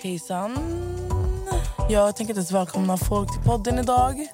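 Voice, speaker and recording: A hoarse woman hosting a podcast, ranting in casual chat and swearing a lot. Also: mid-range voice, over loud music. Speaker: podcast host.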